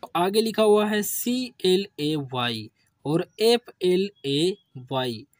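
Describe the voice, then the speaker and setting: Male teacher, unhurried call-and-response drilling, dry close sound. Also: high voice, very animated, no echo. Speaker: English teacher. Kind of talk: classroom lesson for beginners.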